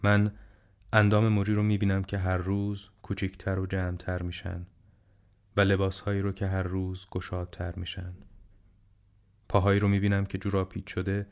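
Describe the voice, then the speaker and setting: A man narrates an audiobook at a steady, measured pace. His voice sits somewhat low. The delivery is even and storytelling.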